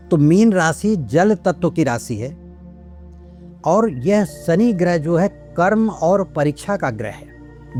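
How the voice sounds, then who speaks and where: Older male astrologer, lecturing, higher voice. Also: a little mellow. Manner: lecturing, lists points one by one. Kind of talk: explanatory astrology talk to camera.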